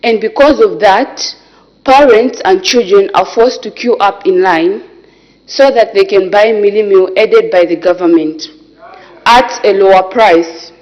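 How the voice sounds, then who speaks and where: A woman's voice: mid-range voice, a little mellow. A young woman with a Zambian accent delivers a formal parliamentary debate speech as a youth member of the house. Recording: dull, muffled live-stream sound.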